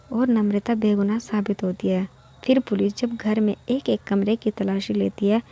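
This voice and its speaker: Woman storyteller, scripted narration, matter-of-fact, flat delivery, mellow tone. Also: mid-range voice.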